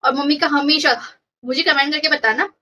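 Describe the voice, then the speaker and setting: A woman's voice: high-pitched, normal speed, highs cut off, a little hiss or hum. A young woman vlogger casually telling a funny story from her school days, acting out the lines of the people in it. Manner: chatty, animated retelling with quoted dialogue.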